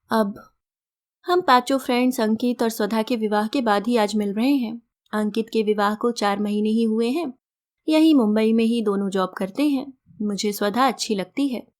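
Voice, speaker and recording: A woman storyteller reading a first-person story aloud in a gentle, reflective, measured way. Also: a little high.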